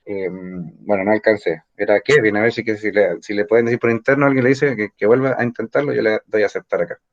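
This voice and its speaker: A man's voice: fairly low pitch, steady tone, fast, muffled recording. A man with a Chilean accent, teaching an online evening language class and explaining with rhetorical questions and tag questions. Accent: Chilean Spanish. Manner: explanatory, asks rhetorical questions, frequent "¿ah?" tags. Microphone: computer or phone mic on a video call.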